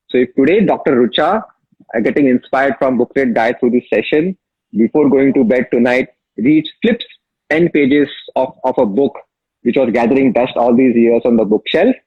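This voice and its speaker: An app founder from Maharashtra, speaking Marathi-accented Indian English, tells his story as an interview guest in casual conversation, emphatic and repeating key phrases. His mid-range voice is slightly rough, with no room sound and a dull, lo-fi quality.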